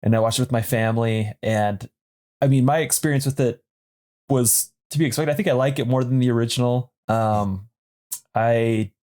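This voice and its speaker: A man in his thirties co-hosting a podcast, talking thoughtfully with many pauses and fillers. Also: medium pitch, a little mellow. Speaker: podcast co-host. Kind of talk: casual chat.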